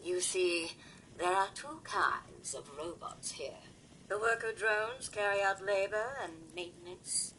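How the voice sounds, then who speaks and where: A woman's voice: mid-range voice, slow pace, pushed and bright, slight background noise, rough recording. A woman voicing a gracious female robot farm supervisor in a video game, polished and calling everyone darling.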